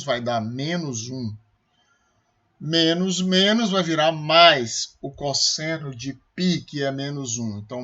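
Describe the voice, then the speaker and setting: A man's voice: a little high, fairly bright tone, highs cut off. A man with a Brazilian Portuguese accent, a math professor giving a recorded calculus lecture, explaining step by step and checking with his students as he goes.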